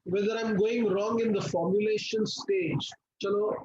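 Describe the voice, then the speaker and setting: A man's voice: sits high, steady tone, moderate pace, lo-fi sound, background noise. A man with an Indian accent teaching an online class, coaxing students to pay attention and asking questions he answers himself. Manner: coaxing, checks attention, asks and answers own questions, drops into Hindi. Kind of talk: live online class lecture, explaining to students.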